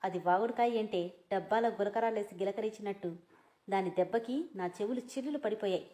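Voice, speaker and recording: A woman voicing a hot-tempered, sharp-tongued young man who scolds angrily. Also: medium pitch, brisk, voice pushed down, close to an everyday voice. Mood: indignant. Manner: angry, scolding.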